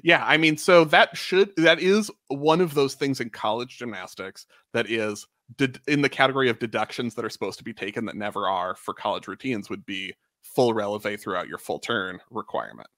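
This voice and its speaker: A man with a bright, forceful voice co-hosting a podcast, recorded dry and close. He is opinionated and dryly sarcastic, stating firm likes and dislikes. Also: mid-range voice, lively intonation, normal speed, few pauses, no room sound. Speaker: podcast co-host. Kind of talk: casual chat.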